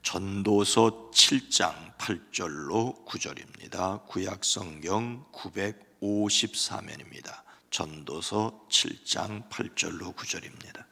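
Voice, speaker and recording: A man leading a devotional, reading a Bible passage and telling a story in a slow, measured, calm way. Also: low voice, creaky, husky. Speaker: pastor. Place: church. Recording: long church-hall reverb.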